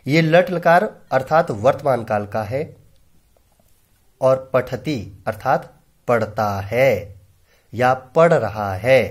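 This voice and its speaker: A man teaching a grammar lesson, slowly reciting verb endings in drills and explaining each form step by step. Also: medium pitch, breathy edge. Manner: slow, deliberate recitation of verb forms; explains step by step and points to the board. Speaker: Sanskrit teacher.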